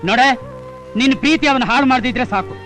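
A man's voice: very high-pitched, fast talker, pushed and bright, soft background music, poor audio. A stingy, scolding middle-aged father. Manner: grumbling and scolding. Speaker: the hero's father. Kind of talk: Kannada film dialogue.

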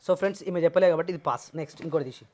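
Woman, brisk instructions, very quick talk, lowish voice. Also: a little mellow. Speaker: game clue giver. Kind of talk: casual family game chat.

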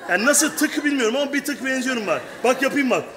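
A man's voice: very high-pitched, lively intonation, quick pace, a crowd in the background, background noise. A man performing a stage comedy bit, boastful and mock-dramatic. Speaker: comedy sketch contestant.

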